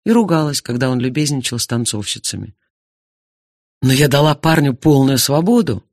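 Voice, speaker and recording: A man's voice: medium pitch, moderate pace, dry recording, clean studio sound. A man reading first-person narration in an audiobook, expressively. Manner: expressive, animated. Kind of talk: scripted narration.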